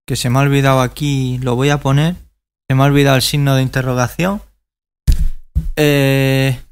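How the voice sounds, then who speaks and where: A man with a native Spanish background explains English grammar in a video lesson. He takes his time, speaking at a slow, unhurried pace in a mid-range voice and pausing on fillers as he works through each example. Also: medium pitch. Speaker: English teacher.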